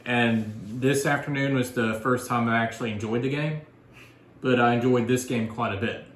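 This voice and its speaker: A man's voice: medium pitch, steady tone, normal speed, slight background noise. A man chatting informally as a guest board game reviewer, explaining his opinions in a rambling, casual way. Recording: echoey room.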